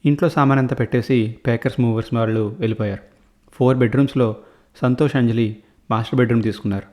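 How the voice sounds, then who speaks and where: A man's voice: mid-range voice, fast. Man narrating a horror story. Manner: voices each character in turn, rising and louder for frightened or excited lines.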